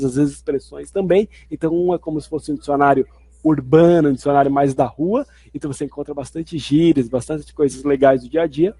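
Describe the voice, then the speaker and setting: Warm, fairly high-voiced male teacher. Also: slightly rough, dry recording. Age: adult. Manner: explanatory, restates each point twice. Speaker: language teacher. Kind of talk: instructional video lesson.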